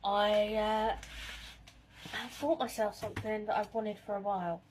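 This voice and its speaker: A woman's voice: mid-range voice, flat delivery, unhurried, slight background noise. A woman, chatting casually to camera in her home kitchen and telling spooky stories in a rambling way. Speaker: vlogger.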